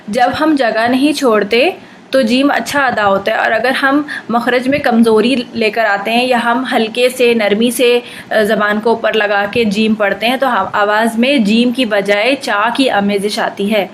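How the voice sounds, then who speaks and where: A woman teaching a recitation lesson, explaining patiently and drawing out model syllables slowly. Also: on the high side, slight background noise, poor audio.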